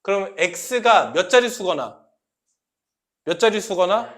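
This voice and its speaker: A man's voice: high-pitched, expressive, slow, a bit bright. A man teaching a math class, often asking students questions and repeating key points as he explains. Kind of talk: classroom lecture.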